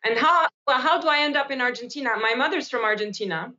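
A woman from Switzerland in her forties, an actress talking on a video call, pausing and repeating words as she thinks. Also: high-pitched, pushed and bright. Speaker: actress guest. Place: bright room indoors by a window. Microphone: laptop camera on video call. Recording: dull lo-fi video call audio.

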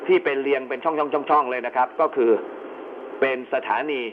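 A man's voice: medium pitch, fairly even intonation, brisk. A man giving an explanatory lecture as an instructor, going step by step with informal asides. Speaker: instructor in amateur radio emergency communications. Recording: narrow phone-like band with clear background noise.

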